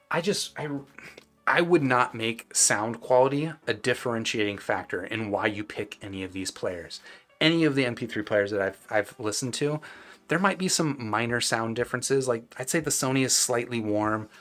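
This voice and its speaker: A man hosts a casual livestream reviewing audio gear, reading viewer questions and answering them in a conversational, hedging, self-deprecating way. His voice is medium-pitched and fairly bright, at a moderate pace.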